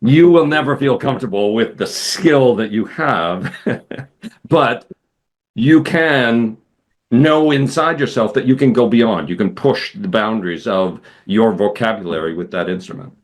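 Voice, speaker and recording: A man hosting a music interview, talking in a playful, expressive way and drifting into little voices and analogies. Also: mid-range voice, unhurried. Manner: expressive, playful, breaks into impressions. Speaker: interview host. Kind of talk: casual interview conversation.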